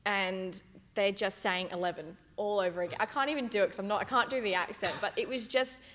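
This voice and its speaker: A woman's voice: medium pitch, fairly even intonation, fast, a bit bright. A woman with an Australian accent, a gym staff member telling a story in casual chat. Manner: giggly storyteller. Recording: reverberant room.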